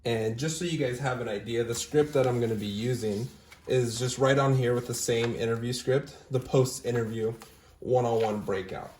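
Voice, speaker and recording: Here a mid-range, slightly mellow male voice moves at a moderate pace with fairly even intonation, over slight background noise and an echoey room. He's a young recruiting manager for a sales team, breezily showing callbacks on screen before a phone interview, full of fillers and "all right?"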